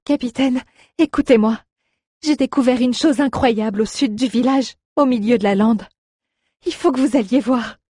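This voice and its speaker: A woman's voice: high-pitched, moderate pace, dark tone, slightly rough, dry recording, clean studio sound, voice pushed up. A woman voicing a young girl who is a scrappy street thief, urgent and pleading.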